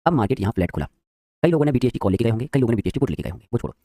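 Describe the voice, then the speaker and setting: Rapid-fire man teaching trading. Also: mid-range voice, lively intonation, warm tone, no room sound, studio quality. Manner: rapid, quizzing the viewers. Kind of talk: live-streamed trading lesson.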